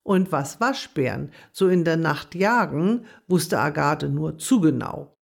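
A storyteller reading a children's story aloud in a gentle, expressive way. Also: mid-range voice, unhurried, vocal fry.

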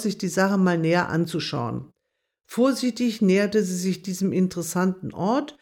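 A storyteller reading a children's story aloud in a gentle, expressive way. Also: medium pitch.

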